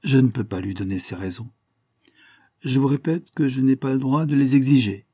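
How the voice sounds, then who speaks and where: A man reading aloud, voicing an earnest, dutiful male police inspector in a formal, measured way. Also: mid-range voice, warm tone, no echo, clean studio sound, pitched above the performer's own voice, natural voice.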